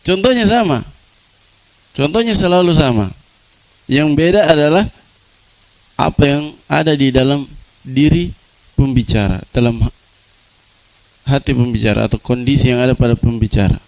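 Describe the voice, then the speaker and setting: A man's voice: normal speed, pauses often, darkish tone, rough recording. A man teaching Arabic grammar to a class, often asking rhetorical questions, answering them himself and repeating key words. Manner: repeats key words, drops to a low voice for examples. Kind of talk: classroom lecture.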